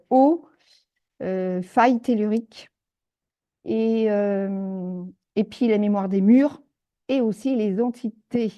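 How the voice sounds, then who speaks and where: A woman guest in a casual interview, telling her own stories in an animated, exclamatory way, full of fillers and restarts. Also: medium pitch, dull audio. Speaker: energy healer guest.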